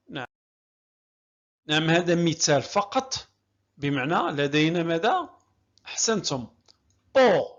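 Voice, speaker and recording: A woman teaching French reading, sounding out words syllable by syllable and praising often. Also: lowish voice. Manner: slow, drawn-out syllables with repeated encouragement. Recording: dull lo-fi recording.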